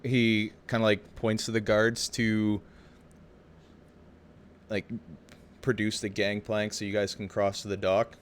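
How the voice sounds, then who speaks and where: A man's voice: lowish voice, completely flat delivery, slow pace, pauses often, a little hiss or hum. A man narrating a tabletop game as game master, informal and hesitant, improvising as he goes. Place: home, over online voice chat. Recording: home voice chat with background ambience.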